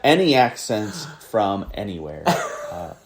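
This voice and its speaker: A podcast host from northern Ohio with a General American accent speaks slowly in a fairly low voice with big pitch swings. He hosts a casual conversation, hesitating often with many fillers and restarts.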